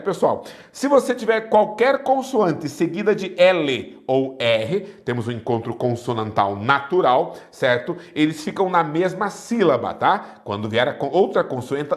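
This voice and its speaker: Lively Brazilian man teaching a class. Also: a little high. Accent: Brazilian Portuguese. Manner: checks in often with the class; spells out examples syllable by syllable. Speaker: exam prep teacher. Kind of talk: recorded online lesson.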